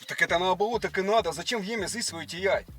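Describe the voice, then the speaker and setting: A man's voice: high voice, quick pace, a bit bright, a little hiss or hum. A man playing a cocky young village lad on a prank date, with a slushy lisp, sh for s, and boastful, mumbled colloquial talk. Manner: boastful, colloquial, slurred wording. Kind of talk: prank date chat in character.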